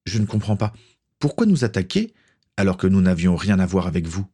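A man's voice: deep voice, animated, a little fast, warm tone, slightly rough. A man voicing a stubborn, indignant young man who protests and pushes back. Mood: defiant.

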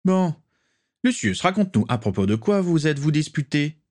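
An excitable young noble wizard in an audiobook story, his voice lifted high and a little louder than the narration. He speaks eagerly and earnestly, as a man does him. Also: normal speed. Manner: animated, earnest.

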